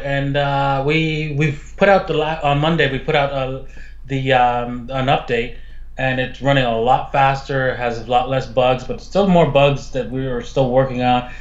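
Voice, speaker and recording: A man with a mid-pitched voice talks casually about crypto markets. He has a halting crypto-bro manner, feeling his way through phrases, on slightly muffled, lo-fi audio. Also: steady tone. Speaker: crypto analyst guest.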